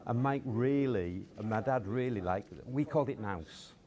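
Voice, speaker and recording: A man, a guest telling stories from his upbringing in a relaxed, hesitant way with many fillers. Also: medium pitch, normal speed. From Cottingham, near Hull, England. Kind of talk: casual storytelling interview.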